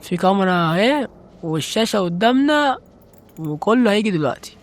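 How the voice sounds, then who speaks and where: Exclaiming to his viewers mid-game, a young gaming channel host with an Egyptian Arabic accent delivers jumpy let's-play commentary. His voice is high-pitched, animated and brisk.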